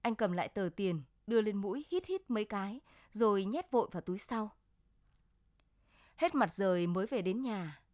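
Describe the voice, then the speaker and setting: A woman narrating a literary short story in a steady, measured reading. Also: mid-range voice, dry recording, studio quality. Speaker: story reader.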